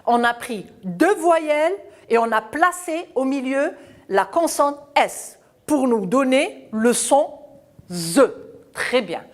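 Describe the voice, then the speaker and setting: A woman's voice: high-pitched, expressive, takes it slowly. A woman primary school teacher giving a televised French lesson to children, speaking emphatically and repeating words and sounds so young pupils can follow. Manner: sing-song, encouraging teacher talk.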